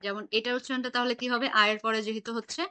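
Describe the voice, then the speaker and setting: A woman's voice: a little high, level tone, rapid-fire, pushed and bright. A woman teaching an online German class, patiently quizzing her students on pronunciation over a video call.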